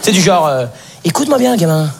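A man's voice: fairly quick, creaky. A teenage man doing stand-up comedy on stage, talking to the audience and slipping into put-on voices. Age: teens. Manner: lively, jumps into shrill put-on voices. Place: theatre stage. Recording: live show, noisy crowd.

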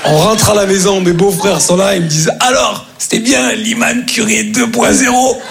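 A man's voice: sits high, steady tone, normal speed, gravelly, music in the background. A man doing a stand-up comedy set on a stage before a live audience, telling a story and acting out the dialogue. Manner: storytelling, acts out dialogue, bursts into mock singing.

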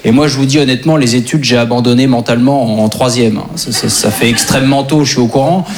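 A man's voice: medium pitch, steady tone, fast, darkish tone. A young man with a French accent doing conversational, self-deprecating stand-up comedy on stage. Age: young adult. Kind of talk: stand-up comedy routine to a live audience. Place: comedy stage in front of an audience. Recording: live show with audience laughter. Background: crowd laughter.

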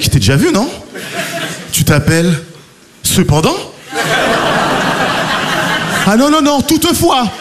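A man's voice: high-pitched, very noisy. A man in his thirties from France, performing a self-mocking stand-up routine. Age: 30s. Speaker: stand-up comedian.

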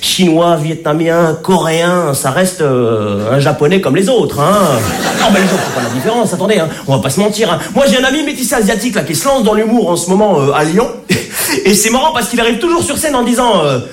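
A man's voice: high-pitched, very animated, fairly quick. A man doing a stand-up routine, playful and teasing toward his audience. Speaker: stand-up comedian. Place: comedy stage before a crowd. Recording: echoey stage with audience.

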